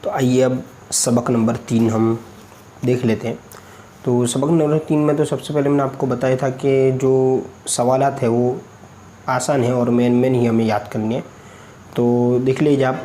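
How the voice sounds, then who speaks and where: A man with an Indian Hindustani accent teaches Quran reading step by step. He has a dark, mellow voice with a flat, level pitch. He drills the letters slowly and patiently, syllable by syllable. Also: slight background noise. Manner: frequent checking asides. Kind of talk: step-by-step recorded lesson.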